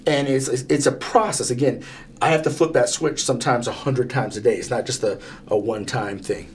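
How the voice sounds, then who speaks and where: A man's voice: mid-range voice, steady tone, a little fast, slight background noise. Earnest fifty-year-old man telling stories. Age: 50s. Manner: earnest, repetitive restarts, storytelling. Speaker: podcast co-host. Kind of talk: casual podcast conversation.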